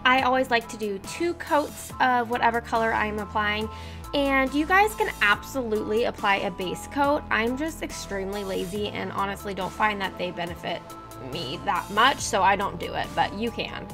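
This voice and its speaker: A beauty vlogger in her twenties walks through a nail art tutorial in her bedroom, speaking over music at normal speed in a mid-range voice. She keeps things upbeat and slips in self-mocking asides.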